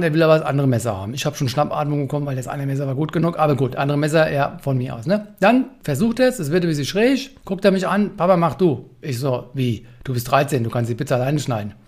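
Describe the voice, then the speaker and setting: A man's voice: a little high, a little mellow. A man in his forties hosting a solo podcast, talking candidly and mocking himself, with the odd swear word. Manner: fast, candid, self-mocking with swear words. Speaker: podcast host.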